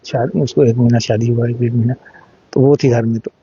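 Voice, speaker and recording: A middle-aged father telling his story in an interview, halting and repeating words while he acts out what each person said. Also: medium pitch, steady tone, warm tone, breathy edge, highs cut off. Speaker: interviewee, father of the deceased boy. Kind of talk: emotional first-hand account in an interview.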